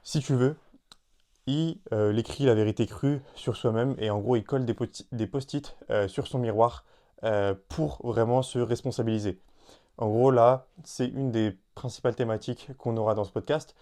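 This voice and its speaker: A man's voice: medium pitch, normal speed, mellow. A man hosting a solo podcast, talking casually to the listener with many fillers and restarts. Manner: addresses listener informally. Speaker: podcast host.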